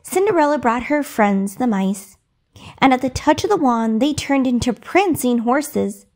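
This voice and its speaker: A woman reading a bedtime story aloud in a gentle, soothing, expressive way. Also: sits high, a little slow.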